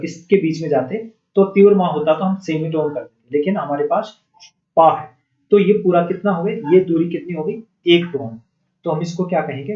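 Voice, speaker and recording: A man's voice: fairly high pitch, warm tone. A man teaching music theory, who asks the class questions and answers them himself. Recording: dull, echoey room sound.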